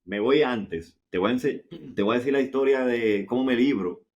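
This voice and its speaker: A man's voice: medium pitch, moderate pace, a little mellow, muffled recording. A man with a Dominican Caribbean Spanish accent tells anecdotes casually as an interview guest, repeating himself and tossing in rhetorical questions. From Dominican Republic. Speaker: interview guest, professional football goalkeeper.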